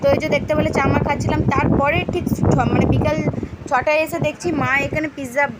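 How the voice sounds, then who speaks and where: A woman in her thirties chatting loudly and teasingly on camera at home, filmed on a handheld phone. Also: high-pitched, steady tone, fast talker, very noisy. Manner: loud and teasing, addresses viewers directly. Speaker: vlogger. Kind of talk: casual on-camera chat. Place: family home indoors.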